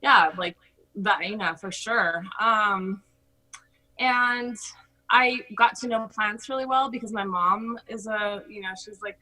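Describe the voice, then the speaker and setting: A middle-aged American woman from Hawaii, appearing as a podcast guest, chats effusively and tells personal stories in a casual interview. Her medium-pitched voice is slow, pushed and bright, and the audio quality is poor.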